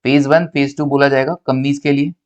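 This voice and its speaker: A man's voice: mid-range voice, little pitch movement, brisk, lo-fi sound. Playful, teasing male lecturer. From India. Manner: playful, teasing; asks and answers his own questions. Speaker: accountancy lecturer. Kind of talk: recorded classroom lecture.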